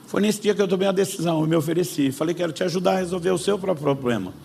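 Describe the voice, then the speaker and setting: A Brazilian pastor preaching in a lively storytelling way, acting out each side of a remembered conversation. His voice sits slightly high and has a gravelly edge. Faint background noise runs under the recording. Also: very fast. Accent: Brazilian Portuguese. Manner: lively storyteller acting out both sides of a dialogue. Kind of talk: sermon storytelling.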